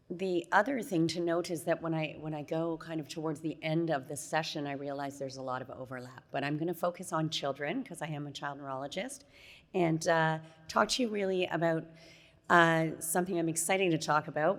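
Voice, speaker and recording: A middle-aged woman speaks at a conference with a very low, gravelly voice that she is losing. She is hoarse but conversational and relaxed, with frequent fillers. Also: normal speed. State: losing her voice. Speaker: conference speaker, child neurologist. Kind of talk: conference talk.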